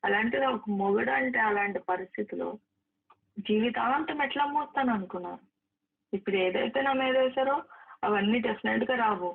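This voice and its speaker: An actress with a fairly high, creaky voice argues on a private phone call, repeating herself emphatically as she reproaches the person she's talking to. The heated call comes through a phone line, sounding narrow and tinny.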